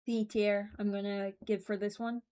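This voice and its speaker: With a warm, mid-range voice and a flat delivery at moderate pace, a woman hosts a video ranking voicelines. Her commentary is casual and opinionated, informal, as though she's thinking aloud.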